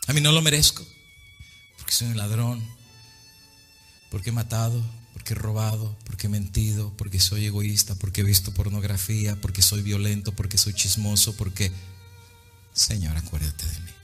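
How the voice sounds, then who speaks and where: A man voicing a repentant dying thief who pleads in a low, broken voice during a sermon. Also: animated, moderate pace, fairly bright tone, soft background music. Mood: pleading.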